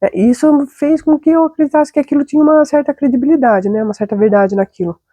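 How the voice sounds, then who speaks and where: A young adult woman with a Brazilian Portuguese accent hosts and tells a personal story, sounding chatty and confiding and often using tag questions. Her voice is high-pitched, fast and mellow, with no echo.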